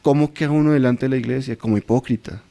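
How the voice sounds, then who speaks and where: Man, bible study teacher, mellow voice, chatty and anecdotal. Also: mid-range voice, fairly even intonation, fast, creaky. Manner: informal and anecdotal, acts out everyday quotes.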